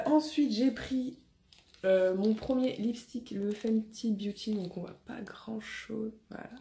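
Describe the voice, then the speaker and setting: A woman's voice: mid-range voice, dark tone. A woman, hesitant and chatty in a casual beauty haul video, with many fillers. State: slight cough after illness. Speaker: beauty vlogger. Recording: echoey room, faint noise.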